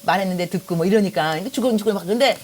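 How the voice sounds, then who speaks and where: Racing along at medium pitch, this middle-aged pastor from South Korea delivers her sermon as a string of lively, joke-filled stories. She addresses the congregation directly.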